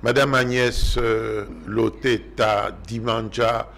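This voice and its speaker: A man's voice: mid-range voice, little pitch movement, slow, vocal fry, a bit bright, a little hiss or hum. A man hosting a TV interview, eager and encouraging toward his guest. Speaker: TV talk show host.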